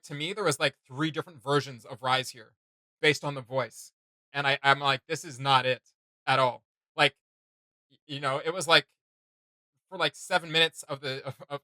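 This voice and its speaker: Here a host offers informal, opinionated reactions in a bright, forceful voice pitched on the high side, recorded without echo. He is emphatic but halting, frequently looping back over what he just said.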